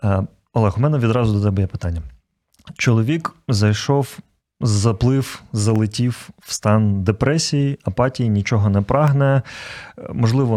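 Relaxed low-voiced male radio host. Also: a little fast. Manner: friendly, relaxed, with filler sounds. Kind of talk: radio talk show hosting.

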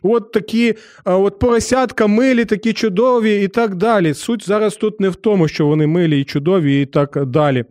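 A man's voice: sits high, fairly quick, a little mellow, no echo, clean studio sound. A man preaching and teaching from the Bible to his listeners, asking rhetorical questions and acting out the speech of figures in the story.

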